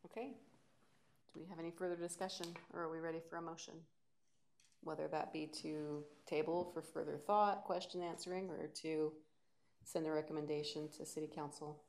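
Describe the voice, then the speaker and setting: Female chair with a low voice, conversationally moderating a public meeting. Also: fairly even intonation, fairly quick, a little mellow.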